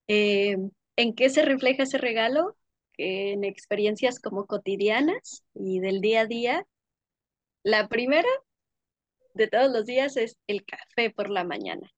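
A young woman guest in a casual interview, talking warmly and effusively about sensory pleasures, often laughing. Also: mid-range voice, a little slow, no echo. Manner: warm, effusive, sensory descriptions with frequent laughs. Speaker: podcast guest, workshop leader.

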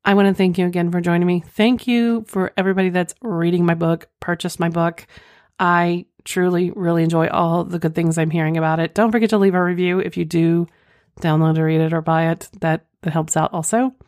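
Woman podcast host, kinda low voice, flirty n candid, real dry close sound. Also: little pitch movement, a little fast, darkish tone, dry recording. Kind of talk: reading listener's story, then casual chat.

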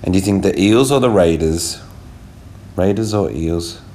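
A man's voice: low-pitched, normal speed, darkish tone, echoey room, slight background noise. An Australian man, around his thirties, hosting a casual podcast and talking patiently in simple questions with a small child. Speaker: podcast host.

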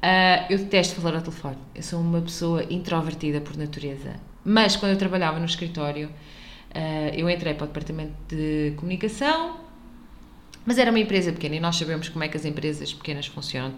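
A woman's voice: deep voice, quick pace, slight background noise. Chatty European Portuguese woman podcaster. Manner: chatty and digressive, with frequent restarts. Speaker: podcast host. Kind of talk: casual solo podcast monologue.

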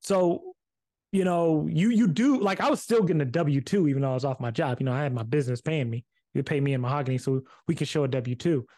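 A man co-hosting a podcast in casual chat, talking in animated bursts, repeating himself and swearing casually. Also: on the high side, fast talker. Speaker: podcast co-host.

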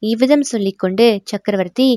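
A woman narrating a historical novel as an audiobook, in a formal, measured storytelling manner. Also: mid-range voice, warm tone, no room sound, clean studio sound.

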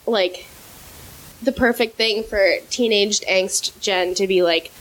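A woman's voice: mid-range voice, steady tone, slow pace, fairly bright tone. A young woman co-hosting a podcast, rambling casually about music with lots of fillers and giggles, sometimes talking through a mouthful of food. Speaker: podcast co-host.

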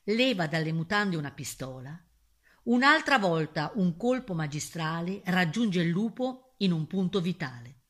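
A woman's voice: on the low side, sing-song, a little slow, fairly bright tone. A woman reading a rhyming fairy tale aloud, playful and theatrical. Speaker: storyteller.

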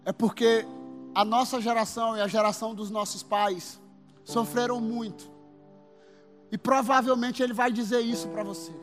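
A man preaching a sermon as pastor, emphatic and building to shouts. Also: very high voice. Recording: long hall reverb with faint music.

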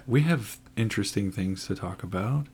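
A man's voice: lowish voice, animated, normal speed, darkish tone, slight background noise. A man, co-hosting a casual podcast and joking around teasingly. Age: 40s. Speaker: podcast co-host.

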